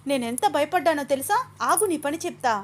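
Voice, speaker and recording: A woman voicing a lively young woman who exclaims and protests in a raised, animated voice. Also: sits high, brisk, slight background noise, pitched above the performer's own voice, lightly acted. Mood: indignant.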